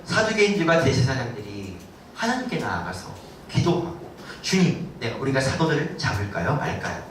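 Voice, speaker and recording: A man's voice: on the high side, a little hiss or hum. A man preaching a Sunday sermon as senior pastor, asking the congregation questions and acting out what people say. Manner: animated, asks the congregation questions and acts out quotes. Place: church sanctuary. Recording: very echoey church hall, mic from a distance.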